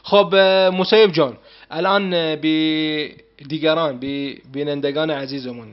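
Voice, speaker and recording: A man hosting an interview as a language teacher, encouraging his guest with quick affirmations. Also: a little high, steady tone, clear, resonant tone, muffled recording. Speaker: Arabic teacher and host. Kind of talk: casual interview.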